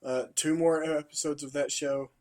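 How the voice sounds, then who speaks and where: A young man co-hosting a podcast in casual chat, relaxed and halting, often restarting his sentences. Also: fairly high pitch, crowd noise. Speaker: podcast co-host.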